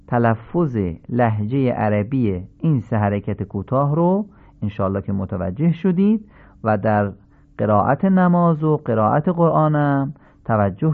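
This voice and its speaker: A man teaching Quran recitation in a radio lesson, explaining patiently and chanting drill syllables slowly. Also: medium pitch, gravelly. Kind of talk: radio lesson on Arabic pronunciation. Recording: tinny phone-like broadcast sound.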